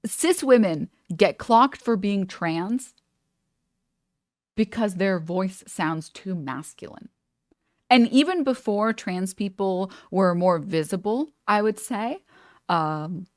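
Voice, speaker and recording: A woman's voice: mid-range voice, expressive, takes it slowly, no room sound, clean studio sound. A woman streamer giving casual reaction commentary, chatty and full of fillers, swearing freely.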